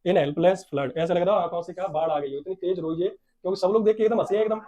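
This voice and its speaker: A young male teacher with a high, mellow voice. He reads English lines slowly and loudly, then explains them in quicker, softer chat, now and then acting out the characters. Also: low-quality recording. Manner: acts out the story's characters in small bits. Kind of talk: Hindi lesson explaining an English story.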